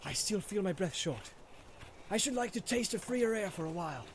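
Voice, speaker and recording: A man voicing a calm, watchful male elf in a storybook reading, speaking softly and now and then dropping to a whisper. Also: high voice, moderate pace, a little hiss or hum, voice pushed up. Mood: hushed. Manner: hushed, sometimes sinking to a whisper. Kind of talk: audiobook reading.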